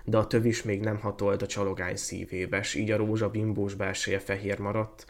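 Brief: male podcast host, storybook narration, measured and lyrical, lower pitch. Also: gravelly. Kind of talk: storybook reading aloud.

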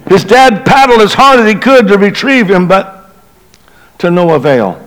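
Middle-aged bishop man preaching, tells the story dramatically, goes quiet and low at the tense bits, voice sits a bit high. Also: animated, normal speed, rough recording. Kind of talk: Christmas Eve sermon storytelling.

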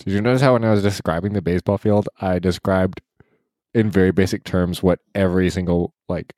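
A man's voice: low-pitched, steady tone, brisk, a little mellow, no room sound, studio quality. A man co-hosting a podcast, chatting casually and joking at his own writing. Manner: laughing, self-mocking. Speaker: podcast co-host and story author. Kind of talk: casual chat.

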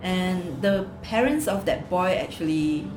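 A woman's voice: on the low side, lively intonation, measured pace, background noise. A Singaporean woman co-hosting a video in casual Singlish, with local particles and phrasing. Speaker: video co-host. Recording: roomy echo with music behind.

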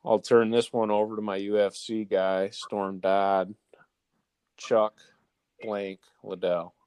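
A man's voice: lowish voice, level tone, takes it slowly, a little mellow, smooth, no echo. A man giving a casual countdown of sports nicknames to co-hosts, announcing each ranked number and then the name. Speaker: sports talk show panelist presenting a list.

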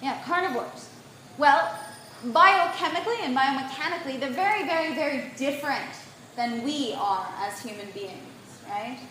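A woman giving a live lecture on nutrition to an audience, emphatic and animated, constantly checking in with her listeners. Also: high voice, moderate pace, a little hiss or hum. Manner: keeps checking in with "right?". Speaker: nutrition speaker. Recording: very echoey room.

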